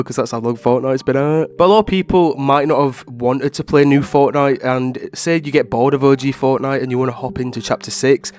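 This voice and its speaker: A man's voice: mid-range voice, a little mellow. A man who is ill with a blocked, nasal voice, giving casual, rambling opinion commentary to viewers as a gaming video creator. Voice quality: nasal, congested. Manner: informal, rambling, frequent hedging with "like" and "obviously".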